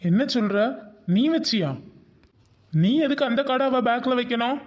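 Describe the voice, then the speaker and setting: Man as a strict male teacher, Tirunelveli Tamil accent, high-ish stern voice, dull lo-fi sound. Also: expressive, moderate pace, soft background music. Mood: scolding. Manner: stern, scolding.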